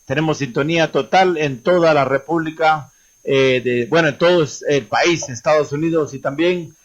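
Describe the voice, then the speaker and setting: A man's voice: a little high, moderate pace, lo-fi sound. A man hosting a radio show, introducing the language class in a formal announcer manner.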